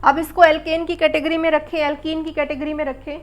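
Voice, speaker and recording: A woman teaches a school chemistry class, asking the pupils questions, answering them herself, and repeating key words while calling them beta and bachche. Her voice is high with little pitch movement, at normal speed.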